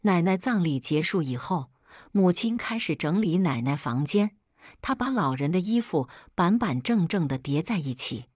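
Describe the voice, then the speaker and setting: A woman calmly narrating a family story in the first person, as a read-aloud storyteller. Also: on the low side, moderate pace, no echo, studio quality.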